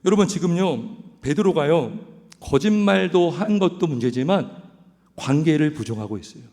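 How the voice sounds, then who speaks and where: Speaking at a moderate pace in a fairly high pitch, a pastor fills a large church sanctuary with lively preaching. He puts questions to his congregation and performs quoted lines in different voices.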